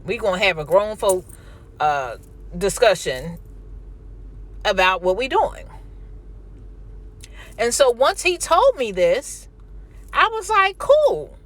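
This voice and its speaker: A woman's voice: medium pitch, big pitch swings, slow, pauses often. A woman with an American accent chatting casually and candidly, telling personal stories and giving emphatic relationship advice straight to her listeners. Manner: conversational, emphatic, addressing listeners directly.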